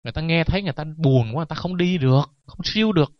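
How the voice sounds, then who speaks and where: Male Buddhist monk, sermon with humorous anecdotes; light-pitched, dry recording. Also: rapid-fire, no echo, muffled recording. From Vietnam. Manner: joking, anecdotal, laughs at his own stories. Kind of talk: dharma talk sermon.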